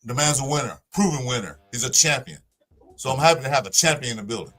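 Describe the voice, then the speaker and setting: A man's voice: medium pitch, animated, fast talker, a bit bright, soft background music. A man in his sixties on a casual podcast panel, speaking bluntly in short punchy sentences. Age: 60s.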